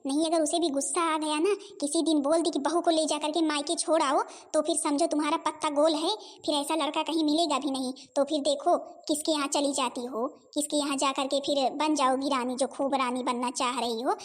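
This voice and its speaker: A woman's voice: high-pitched, level tone, fairly quick, few pauses, natural voice. A woman voicing a scheming middle-aged stepmother who lectures her daughter in a homemade cartoon. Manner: lecturing, conspiratorial.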